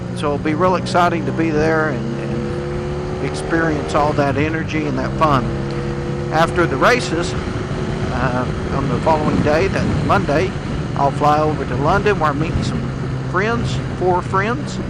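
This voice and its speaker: A middle-aged American man chatting casually to himself as a motovlogger, speaking from inside a helmet while riding. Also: a little high. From United States. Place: outdoors on a moving motorcycle, inside a helmet. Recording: loud road and engine noise, helmet mic.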